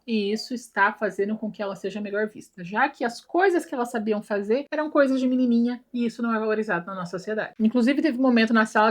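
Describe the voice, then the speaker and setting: Fast-talking Brazilian woman vlogger. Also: fairly high pitch. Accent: Brazilian Portuguese. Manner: animated, blunt storytelling with swearing. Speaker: YouTube channel host. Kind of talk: casual film commentary vlog. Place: home studio.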